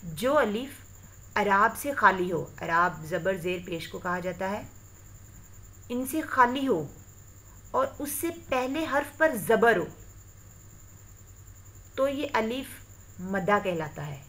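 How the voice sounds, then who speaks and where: Woman teacher slowly spelling out sounds. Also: mid-range voice, animated, fairly bright tone. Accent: Pakistani Urdu. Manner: slow spelling-out of letters and vowel sounds; addresses students directly, patient explanatory tone. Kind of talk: recorded online lesson explaining Arabic reading.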